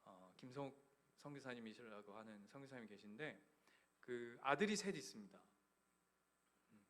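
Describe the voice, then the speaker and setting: A male pastor giving a Christmas sermon in a church, telling stories with sudden loud bursts and hushed, nearly whispered passages. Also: medium pitch, expressive, moderate pace. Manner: storytelling preacher swinging from loud emphatic bursts to hushed near-whispers. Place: church sanctuary.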